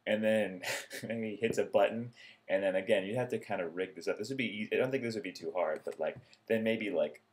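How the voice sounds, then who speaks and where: A man with a deep, low voice talks through his feedback on a friend's ideas in a loose, unscripted way. He rambles and hesitates, fills gaps with "um" and "like," and now and then acts out a quick bit of dialogue before carrying on. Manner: rambling, hesitant, many fillers, acts out short bits. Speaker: peer reviewer giving feedback. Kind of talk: casual spoken feedback message.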